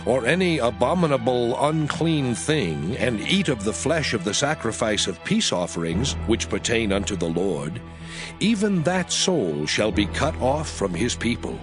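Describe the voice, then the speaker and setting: In a dramatized scripture reading, a man with a mid-range voice plays God as a solemn, commanding lawgiver, speaking in measured, declamatory phrases.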